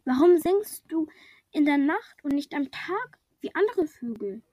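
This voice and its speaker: A woman reading a children's storybook, voicing a brave, curious little tiger cub in a soft, wondering, breathy voice. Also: sits high, lively intonation, unhurried, no echo, pitched above the performer's own voice.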